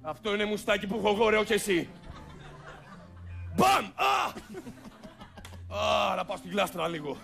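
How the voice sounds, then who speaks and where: A man's voice: vocal fry, hardly any pauses, a bit bright, faint music behind. A man performing sketch comedy, jumping between characters and often laughing through his lines. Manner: shifts pitch wildly, laughing through lines.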